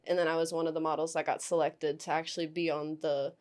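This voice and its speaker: A woman's voice: low voice, flat delivery, fast talker, a little mellow. A young woman from Tampa, a model guesting on a podcast, talking casually and filling her sentences with "like". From Tampa, Florida. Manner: chatty, lots of "like" fillers.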